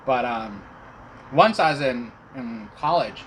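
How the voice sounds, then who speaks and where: A man's voice: mid-range voice, expressive, slow pace, a bit bright, low-quality recording. A middle-aged man telling personal stories casually to viewers, chewing while he talks. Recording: clear background noise.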